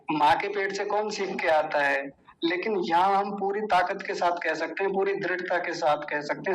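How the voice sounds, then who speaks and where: A middle-aged man teaching verse pronunciation in a class, explaining patiently and chanting verses slowly and deliberately. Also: high voice, fairly bright tone, poor audio. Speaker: Sanskrit recitation teacher.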